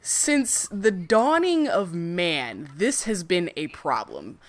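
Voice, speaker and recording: A woman co-hosting a casual livestream chat, ranting in a profane, animated way. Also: on the low side, takes it slowly. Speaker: streamer co-host.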